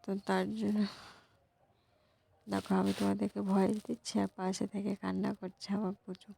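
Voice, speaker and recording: Hoarse, gravelly young woman vlogging softly. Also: monotone, moderate pace. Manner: soft, low-volume talk. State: hoarse, voice gone from a cold. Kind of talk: casual vlog talk to viewers.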